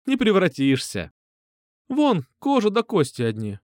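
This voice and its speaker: A man's voice: sits high, wildly swooping pitch, a little slow, darkish tone, dry recording, studio quality, voice pushed up, heavily acted. A man reading an audiobook, voicing a caring, chatty middle-aged mother in a raised voice. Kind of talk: audiobook character voice.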